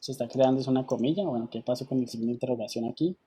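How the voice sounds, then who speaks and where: A man leads an online design class, walking through each step with unhurried patience. His voice is mellow and warm. He keeps asking his students over the call whether they are following. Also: mid-range voice, slightly rough. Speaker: teacher.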